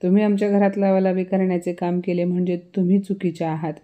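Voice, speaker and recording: A woman's voice: lowish voice, little pitch movement, fast talker, dark tone, dull audio, natural voice. A woman voicing an outspoken young daughter-in-law who answers back pointedly in a storybook reading. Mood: defiant.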